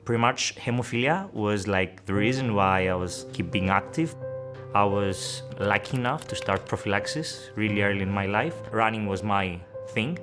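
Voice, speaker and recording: A man, a doctor, talking relaxed and conversational in a documentary interview with frequent fillers. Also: fairly low pitch, moderate pace. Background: background music.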